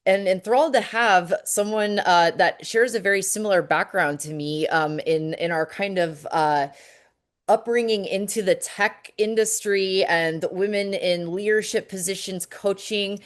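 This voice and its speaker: A woman hosting a podcast interview, speaking casually and haltingly with many restarts. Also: mid-range voice. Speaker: podcast host.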